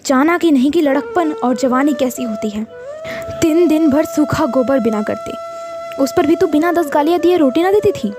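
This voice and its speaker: A woman's voice: fairly high pitch, moderate pace, over music, lightly acted. A woman doing a surly, bitter young villager.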